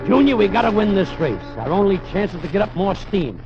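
An actor playing a lazy, wisecracking riverboat skipper with droll, mock-pompous delivery in an old-time radio comedy. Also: male voice, high voice, sing-song, fairly quick, gravelly, over music, exaggerated voice. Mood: urgent, wisecracking. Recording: dull, very noisy vintage radio recording.

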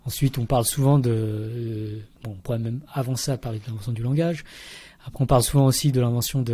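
Born in Vietnam and raised around Paris, this researcher in his thirties appears as a podcast guest in a casual interview. He explains at length with many fillers and restarts, his mid-range voice dark in tone and slightly rough, in a dry recording.

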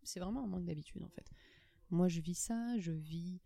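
A woman from France chatting casually as a podcast host, telling stories in a lively way and acting out the people in them. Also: fairly low pitch, normal speed, gravelly, dry recording. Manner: lively storytelling, acts out the people in her stories. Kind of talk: casual conversation.

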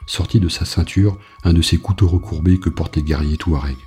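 A man reading an audiobook novel in a grave, measured narration. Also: sits low, mellow, soft background music.

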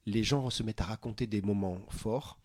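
A man, a podcast host, talking earnestly about his interviews in a warm, heartfelt way, often restarting his sentences. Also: lowish voice, moderate pace, no room sound, clean studio sound. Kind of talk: conversational interview storytelling. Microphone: studio microphone.

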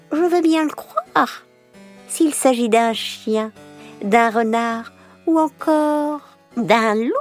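A crafty little female cat purrs out her schemes in a very high, childlike voice that climbs and dips widely. She speaks slowly and sweetly, dropping meows between lines. Gentle music plays underneath. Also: heavily acted. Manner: slow, coaxing, flattering. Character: clever sly female cat, small, bold. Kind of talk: storybook character acting.

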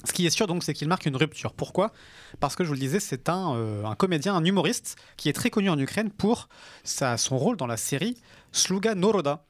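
A man's voice: on the high side, lively intonation, brisk, dry recording. Hesitant French man explaining the news. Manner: explanatory, hesitant with frequent fillers. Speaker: podcast co-host. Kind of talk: casual news podcast chat.

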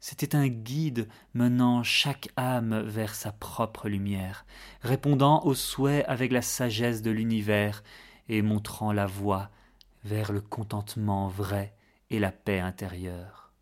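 A man narrating a fairy tale in a gentle, measured way, sometimes dropping to a hush. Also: lowish voice, fairly even intonation. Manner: gentle, measured, hushed at moments. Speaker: storyteller.

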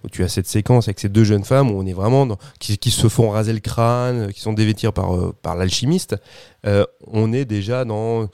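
Man, podcast host, casual film talk, low mellow voice, dry close sound. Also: normal speed, clean tone, no room sound. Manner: rambling, many restarts and fillers. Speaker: podcast host discussing cinema.

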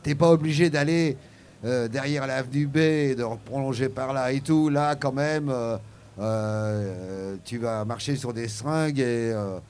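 An older man telling anecdotes as an interview guest, lively and full of fillers and hesitations. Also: mid-range voice. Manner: animated storyteller, many fillers.

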